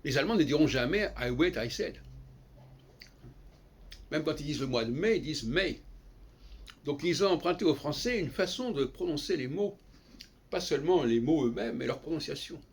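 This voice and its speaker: A man giving an unscripted, lecturing monologue on language, halting and digressive with frequent restarts. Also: fairly high pitch, animated, slightly rough. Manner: lecturing, explanatory. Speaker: solo commentator on language.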